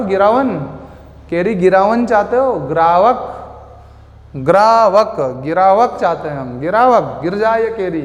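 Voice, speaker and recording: High-voiced male teacher in an echoey room. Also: lo-fi sound. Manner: repetitive, asks and answers his own questions; playful memory tricks, addresses listeners as beta and bhaiya. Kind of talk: exam-prep Hindi vocabulary lesson. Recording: echoey room with long reverb.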